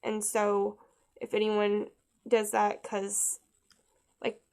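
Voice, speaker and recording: A woman giving a casual step-by-step craft tutorial, chatty and halting with frequent restarts. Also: medium pitch, completely flat delivery, a little mellow.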